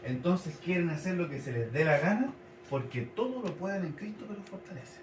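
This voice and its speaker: Pastor guy teaching a sermon, slow, repeats words, kinda far off in an echoey church. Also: high voice, lively intonation, a little hiss or hum. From Chile. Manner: slow, repeats and spells key words for a congregation. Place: church hall. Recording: echoey church hall, mic at a distance.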